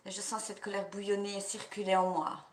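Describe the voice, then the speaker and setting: A woman practitioner leading a guided EFT tapping session, repeating slow affirmations and coaching listeners between phrases. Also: mid-range voice, little pitch movement, roomy sound, a little hiss or hum.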